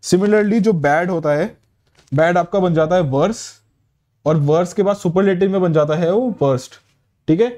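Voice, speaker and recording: A man's voice: sits high, normal speed, mellow. A man teaching grammar to exam students, patiently checking in with his listeners as he explains. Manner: patient, repeats "ठीक है" to check understanding.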